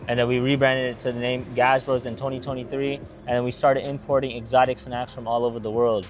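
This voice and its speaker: In casual interview answers, a young Atlanta, Georgia man who owns a gas station and restaurant describes his family business. He talks fast in an ordinary middle pitch, rambling eagerly and relaxed, packed with "like" and "you know." Faint music sits under the conversation.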